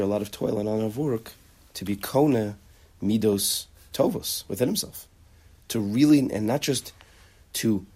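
Guy with a husky lowish voice giving a chatty torah class, acts out little dialogues. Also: dark tone. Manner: conversational, acts out dialogue, many restarts. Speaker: Torah teacher. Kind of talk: casual lecture on character traits.

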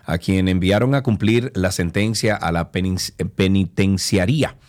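A man's voice: low voice, normal speed. A man hosting a radio show, reading news and taking calls with small stumbles. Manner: reads news with hesitations, chats warmly with callers. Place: radio studio.

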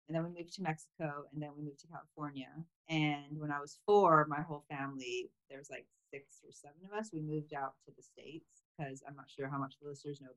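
A memoir author who grew up mostly in Thailand chats casually as a podcast guest, looking back on her past. Her notably low voice is soft and reflective, peppered with "you know" and little laughs, though the recording quality is poor.

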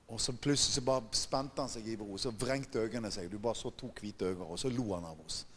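A man's voice: on the low side, a bit bright, slight background noise. A man preaching a sermon, emphatic and often putting questions to the congregation. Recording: long hall reverb.

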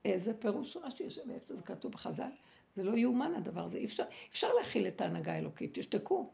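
Middle-aged woman, heavy vocal fry, mid-pitched, for a fervent religious talk that shifts between stories and exhortation. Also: sing-song, mellow. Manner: dramatic, exhorting, many fillers and restarts. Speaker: religious speaker and former seminary head. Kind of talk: impassioned religious talk and personal testimony.

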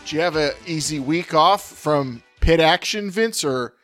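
A man co-hosting a casual sports podcast, energetic and chatty, running through questions and sponsor reads. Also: on the high side, unhurried, soft background music. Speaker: podcast co-host. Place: at home, remote recording.

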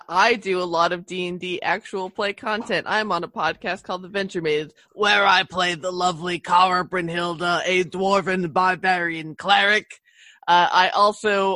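A podcast guest chatting casually, quick to chime in and finish the host's sentences. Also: mid-range voice, sharp tone, no room sound. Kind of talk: casual chat.

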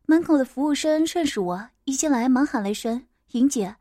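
A woman narrating a first-person audiobook story in a steady, plain way. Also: sits high, a little fast, dry recording, studio quality.

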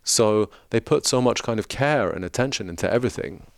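A London-raised, middle-aged man of Lebanese heritage speaks as a spiritual mentor in a reflective podcast chat, earnest and thoughtful, often starting sentences over. His lowish voice is animated and brisk. It's a dry, studio-quality recording.

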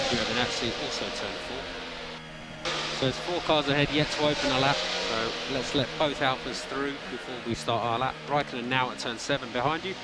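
A male race engineer on team radio, with clear music behind him. He gives terse pit calls in short, clipped instructions, often repeating them for the driver. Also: medium pitch, poor audio.

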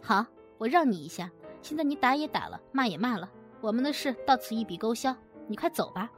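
A woman's voice: fairly high pitch, big pitch swings, fairly quick, soft background music. A woman voicing a sly, smug young man who sneers and sweet-talks, read in a storytelling style. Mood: dismissive. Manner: sneering, smooth-talking.

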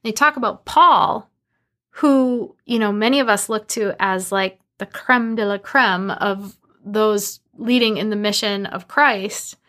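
A woman in her thirties hosting a solo podcast, talking earnestly and growing animated as she retells her own story. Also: medium pitch, unhurried. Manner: earnest, animated when retelling, faith-driven encouragement. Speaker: podcast host.

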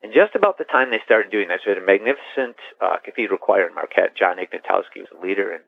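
A middle-aged man, a priest, telling his story in an interview, rambling and animated, restarting sentences and laughing. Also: on the low side, quick pace, gravelly, no echo. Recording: tinny phone-line sound.

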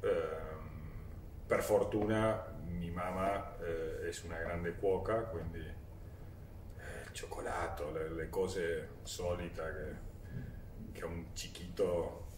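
A man in his forties, a native Spanish speaker with an Argentine accent, talking casually as an interview guest, haltingly searching for words and switching between languages. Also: deep voice, fairly even intonation, a little mellow. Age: 40s. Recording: roomy echo, distant mic, faint noise.

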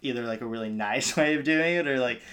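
A male co-host of a casual pop-culture podcast talks fast in a medium-pitched, slightly bright voice, saying "like" constantly and laughing in asides as they chat.

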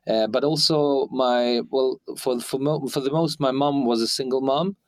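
A man in his forties, raised in Ukraine and now living in Sweden, speaking as an interview guest. He talks in a halting way, full of restarts and fillers. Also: medium pitch, fairly even intonation, dry recording. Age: 40s. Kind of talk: hesitant conversational interview.

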